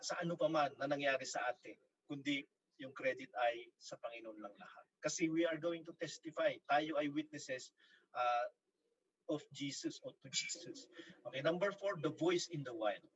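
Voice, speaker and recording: A man's voice: on the high side, fairly bright tone. A man with a Filipino accent teaching a Bible sermon, often adding "di ba?" and switching into English. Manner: mixes English phrases, frequent "di ba?" asides. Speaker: preacher. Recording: distant mic, muffled lo-fi sound.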